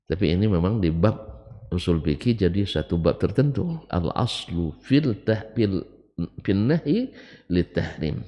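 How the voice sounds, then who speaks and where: A man's voice: deep voice, gravelly. A middle-aged man giving a religious study lecture in a conversational way, telling anecdotes and rising into emphatic bursts. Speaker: Islamic teacher. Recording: long hall reverb.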